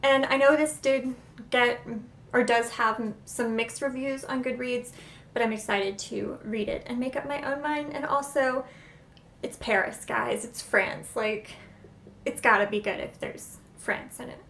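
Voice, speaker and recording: Young female vlogger, chatty and self-deprecating, a bit high, recorded on camera mic in a roomy space. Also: a little slow, slight background noise. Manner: self-deprecating, unsure of pronunciations; chatty, excitable. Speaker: booktuber. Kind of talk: casual book haul vlog. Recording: echoey room.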